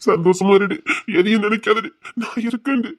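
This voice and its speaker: An actress voices a tender, devoted woman with a Tirunelveli Tamil accent, trying to calm a grieving loved one. She soothes her, pleads with her and repeats the same reassurances over and over. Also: mid-range voice, normal speed, close to an everyday voice. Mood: pleading, soothing. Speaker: close companion consoling a grieving woman. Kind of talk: emotional web drama acting.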